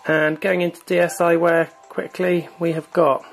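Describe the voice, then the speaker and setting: With vocal fry in a voice on the high side, this man speaks at normal speed while faint music plays. He's a gaming-channel host casually guiding viewers through a console's online store, filler-heavy and relaxed.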